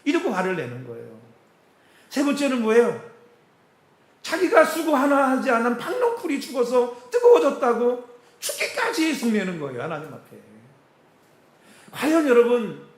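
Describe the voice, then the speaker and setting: A man preaching in a roomy, echoing church hall, his voice pitched high for a man. He swings up and down with animated delivery, chuckling as he talks and tossing questions out to the congregation. The feel is a casual, story-telling sermon. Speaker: pastor. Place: church sanctuary.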